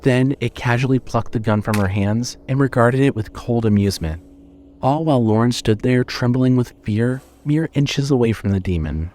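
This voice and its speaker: A man with a mid-range, slightly mellow voice narrates scripted horror fiction in a measured, dramatic storytelling style.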